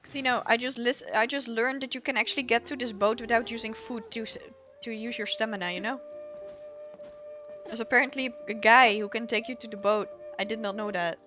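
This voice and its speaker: Her voice is fairly high and quick, with a bright, forceful tone and fairly even intonation. She's streaming a game, chatting casually in a rambling, self-deprecating, giggly way and reading dialogue aloud while game music plays behind her.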